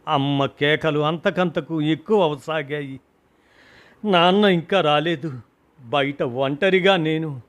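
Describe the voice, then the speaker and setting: A man's voice: a little high, takes it slowly. A man reading a grieving husband's story of loss, emotional and rising to cries at the peaks, in a storybook reading. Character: grieving husband recalling his mother's death.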